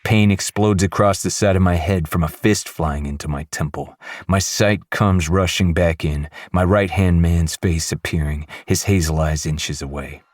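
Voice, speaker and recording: A man narrating a first-person audiobook with low, restrained menace. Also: moderate pace, no echo.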